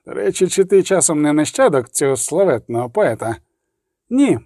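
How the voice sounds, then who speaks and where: A man voicing the eldest male robber knight in an audiobook, measured and knowing. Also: fairly high pitch, very animated, warm tone, no room sound, clean studio sound. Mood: wry. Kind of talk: audiobook character voice.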